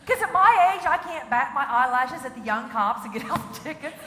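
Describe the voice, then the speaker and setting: A middle-aged woman giving a comic keynote talk, chatty and animated, asking the audience questions and laughing at her own jokes. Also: sits high, brisk. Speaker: keynote speaker. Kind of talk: stand-up style comic keynote. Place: large conference hall. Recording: echoey hall with faint noise.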